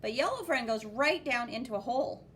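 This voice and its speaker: Reading a picture book to a group of children, this woman teacher exclaims, adds spoken sound effects, and comments along the way with plenty of expression. She speaks a little fast, with a voice on the high side.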